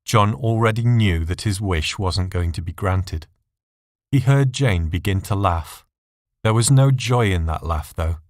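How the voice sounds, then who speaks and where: Man, low register, scripted dark storytelling, dry recording. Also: no room sound. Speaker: story narrator.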